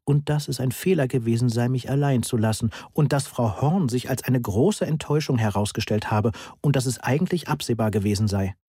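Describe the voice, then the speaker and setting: A man reading a first-person story aloud in an even, matter-of-fact way. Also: mid-range voice, fairly quick, hardly any pauses, husky, no echo, clean studio sound. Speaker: audiobook narrator. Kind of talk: scripted first-person narration.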